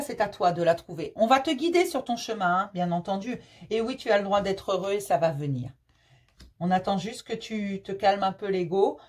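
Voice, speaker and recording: A woman's voice: on the high side, darkish tone. A woman medium giving a casual tarot reading, reassuring and chatty, addressing the listener affectionately. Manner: reassuring, calls the listener "mon petit chéri"; chatty, with frequent fillers and repeats.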